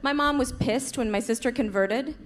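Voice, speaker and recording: A woman from the United States doing a stand-up set on a club stage, with punchy delivery and quick switches into parent voices. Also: high voice. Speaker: stand-up comedian. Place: comedy club stage with audience laughing. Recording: live club recording with crowd noise.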